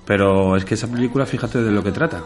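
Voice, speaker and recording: A man from hosting a casual chat about films, relaxed and talking straight to his listeners. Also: lowish voice, quick pace. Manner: relaxed, chatty, addresses listeners. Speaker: podcast host.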